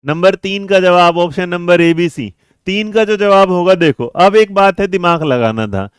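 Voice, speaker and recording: Male exam-prep tutor, live online class; coaxing, quick to quiz students, slightly high pitch, smooth and resonant. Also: no room sound, studio quality. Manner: brisk, coaxing, calls students 'beta' and 'mere bachche'; reads and answers chat messages mid-lesson.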